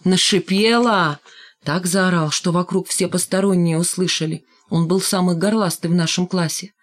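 A woman narrating a first-person story in a measured, expressive reading. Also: fairly low pitch. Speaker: audiobook narrator.

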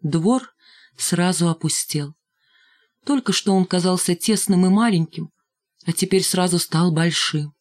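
A woman narrating a first-person story in a measured, expressive reading. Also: lowish voice. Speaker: audiobook narrator.

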